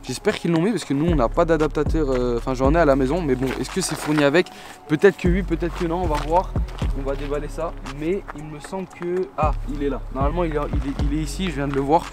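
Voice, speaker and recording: A man's voice: on the high side, fast talker. Guy doing youtube vlog, street slang, talks to viewers like his mates, music playing behind. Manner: informal urban slang, addressing viewers as mates. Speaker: YouTube vlogger presenting a product unboxing. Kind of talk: casual chat to camera in French street slang.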